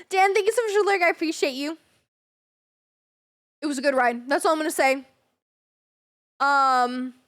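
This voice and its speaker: A woman's voice: fairly high pitch, a bit bright. A woman chatting casually on a livestream as a variety game streamer, with a bubbly, cute anime-streamer delivery.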